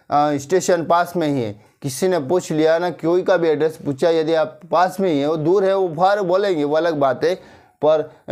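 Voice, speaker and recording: A man teaching spoken English in a lesson, switching between Hindi and English and slowly repeating English phrases with an Indian accent. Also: a little high, a little mellow.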